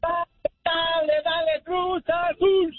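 Very high-voiced joking caller on the phone. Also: male voice, flat delivery, drawn-out words. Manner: playful, joking, cheering. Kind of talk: call-in radio banter. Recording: tinny phone line with faint noise.

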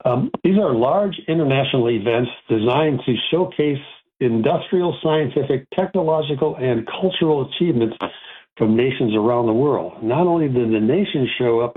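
A man from Rochester, New York, hosts an antiques call-in radio show in a casual, chatty, rambling style, often correcting himself partway through a sentence. His mid-range voice is slightly rough, moves at a moderate pace, and sounds narrow and tinny.

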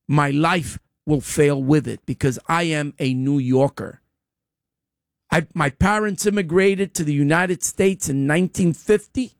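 A man's voice: high voice, creaky, no room sound, clean studio sound. An older man hosts a talk radio show and delivers an emphatic, scolding opinion monologue in short, punchy phrases. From Dominican Republic. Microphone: studio microphone.

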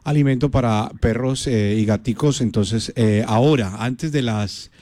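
Radio host, chatty and friendly, throwing to the reporter. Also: male voice, mid-range voice, measured pace, warm tone, dry recording. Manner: friendly, conversational cueing of reporters. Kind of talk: live radio news anchoring.

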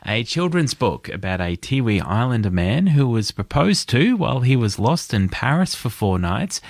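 A man with an Australian accent reading the news in a steady, measured way from a studio. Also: medium pitch, no room sound. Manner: steady measured newsreader delivery. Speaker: news presenter.

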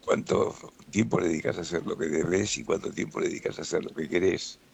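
A man's voice: low-pitched, steady tone, brisk, creaky, slight background noise. A man with a Rioplatense Spanish accent, explaining things relaxedly as a doctor guest in a radio interview and often tagging "¿no?".

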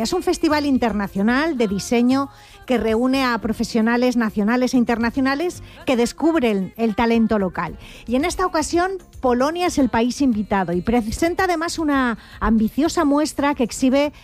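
A woman's voice: on the high side, animated, a little fast, a little mellow, soft background music. A woman hosting a radio travel show, introducing a guest in a fluent presenter's manner. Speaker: radio host.

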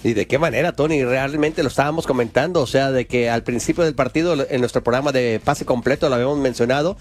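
A man's voice: medium pitch, quick pace, soft background music. A man working as a radio sports commentator, doing American football play-by-play and analysis.

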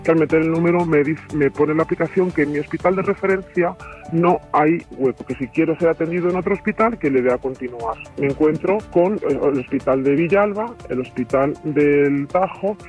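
A man's voice: fairly high pitch, a little fast, a little mellow, soft background music. Man speaking through a voice-disguising distortion. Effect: voice distorted to hide identity. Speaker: hospital patient. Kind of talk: recorded testimony in a news report.

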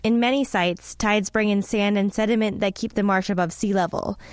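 A woman's voice: mid-range voice, fairly even intonation, normal speed, dry recording. Dry-recorded woman reporter. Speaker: news reporter. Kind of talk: scripted radio news report.

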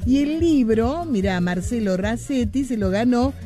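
A woman with an Argentine accent hosts a late-night radio call-in and reads out listener messages in a chatty, easygoing way. Her voice is mellow and dark rather than bright. Faint music plays beneath her. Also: a little high, lively intonation, unhurried. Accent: Argentine Spanish. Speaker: radio host.

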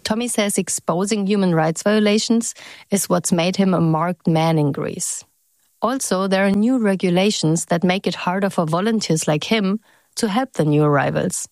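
A woman reporter giving scripted news narration in a measured, even way. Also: medium pitch, dry recording.

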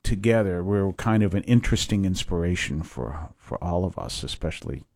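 Older male priest, low reflective voice. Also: moderate pace, a little mellow, dry recording, clean studio sound. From Massachusetts. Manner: reflective, hesitant with fillers. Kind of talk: conversational interview.

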